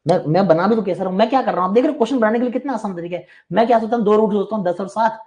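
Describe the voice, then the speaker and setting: A man's voice: high-pitched, very fast, darkish tone, dull audio. A man teaching a live online maths class, chatty and reassuring but firm with students who interrupt.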